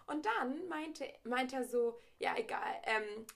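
A woman's voice: high-pitched, expressive, slow pace, gravelly, crowd noise. A young woman in casual podcast chat, animatedly retelling a date and acting out both sides of the dialogue. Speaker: podcast co-host.

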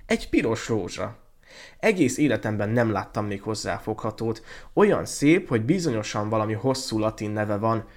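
Brief: fairy-tale youth, hot-headed student, exclaims a lot; reader doing the voice. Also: male voice, fairly low pitch, lightly acted. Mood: excited. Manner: exclaiming, indignant. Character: impulsive young male student, lovesick then bitter.

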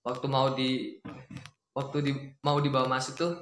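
A young man telling a ghost story from his childhood in a quiet, rambling, casual way, acting out what his family said. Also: medium pitch, little pitch movement, moderate pace. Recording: echoey room with faint noise.

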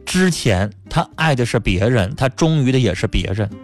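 A man's voice: mid-range voice, lively intonation, normal speed, faint music behind. A man hosting a radio call-in advice show, bluntly scolding and lecturing callers. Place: radio studio.

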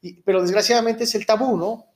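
A Mexican man in his thirties with a notably high voice hosts a casual podcast. He talks in loose street slang, rambling and tagging his sentences with little checks for agreement. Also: steady tone, fast talker. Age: 30s. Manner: rambling, keeps seeking agreement with tag questions. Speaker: podcast host.

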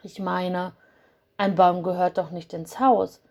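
A woman voicing a gentle, timid young fir tree that speaks softly and apologetically in a storybook. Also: on the low side, steady tone, takes it slowly, creaky, exaggerated voice. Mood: worried. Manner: soft, apologetic.

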